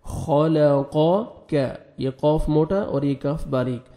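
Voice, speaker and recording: A man with a Pakistani Urdu accent teaches recitation of the Quran in a mellow voice that sits a little high for a man. He spells out each syllable by letter and vowel mark, then recites the words in a slow, loud, drawn-out way. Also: fairly even intonation.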